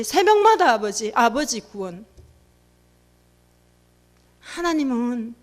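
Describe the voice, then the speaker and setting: A middle-aged woman giving an emotional testimony in a sermon, telling her story with animated, acted-out quotes. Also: sits high.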